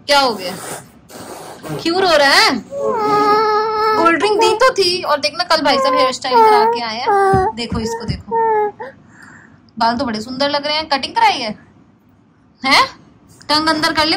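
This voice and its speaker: A woman's voice: extremely high pitch, big pitch swings, normal speed, long pauses, noisy background. A woman vlogging casually at home, a mother fussing over and coaxing her crying toddler while she is unwell. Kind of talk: casual family vlog chat.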